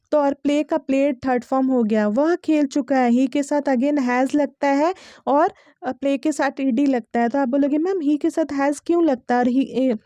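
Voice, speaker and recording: A woman's voice: sits high, warm tone, no echo. A young woman teaching English grammar in a patient, repetitive way, often checking whether her students follow. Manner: patient, repeats key words, asks if it is clear. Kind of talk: explaining grammar in a lesson. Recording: dull, lo-fi sound.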